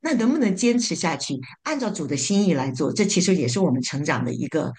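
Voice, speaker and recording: A woman with a fairly low voice that rises and falls a lot, sharing thoughts from her church group. She talks in a halting way, full of fillers and restarts. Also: expressive, a little mellow. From living in North America. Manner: halting, many fillers and repeated words. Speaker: church small group member giving a summary.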